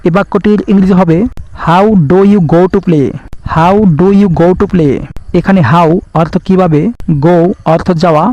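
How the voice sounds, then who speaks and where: A man teaching spoken English, saying each sentence slowly and carefully, then explaining it word by word. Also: high-pitched, a little mellow, no room sound. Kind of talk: slow, careful lesson narration. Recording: dull lo-fi recording.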